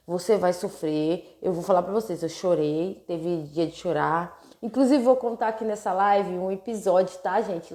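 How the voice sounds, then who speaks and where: Earnest Brazilian woman, mellow voice. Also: fairly low pitch, roomy sound. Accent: Brazilian Portuguese. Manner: earnest, keeps checking in with "entendeu?". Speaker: weight-loss coach. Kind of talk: casual live stream talk.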